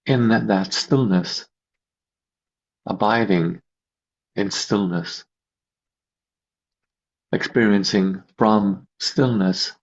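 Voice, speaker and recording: Through a video call with dull, lo-fi sound, a man hosts a guided meditation in a lowish, slightly rough voice. His calm, slow instructions arrive as short, measured phrases with long stretches of silence.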